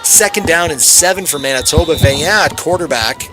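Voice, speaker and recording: A man doing live play-by-play commentary on a football game, rising sharply in excitement on big plays. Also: fairly high pitch, normal speed, over music, crowd noise.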